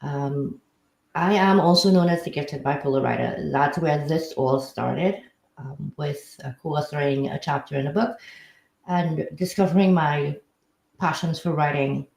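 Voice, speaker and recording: A woman's voice: sits low, a little slow, creaky, a little mellow, echoey room, rough recording. A woman introducing herself on a video call, earnest and full of ums. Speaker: guest speaker. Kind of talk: casual self-introduction.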